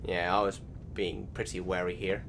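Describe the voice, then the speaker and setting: A gaming channel host with a deep, creaky voice and level tone narrates a video game at a moderate pace. His commentary is casual and rambling, marked by frequent hesitation and word-searching, set against background music.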